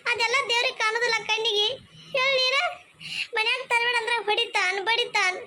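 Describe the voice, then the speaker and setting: A woman's voice: extremely high pitch, fairly even intonation, fairly quick, background noise. [name], a woman voicing a tearful pleading wife. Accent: North Karnataka Kannada. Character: devout childless young wife, tearful and pleading.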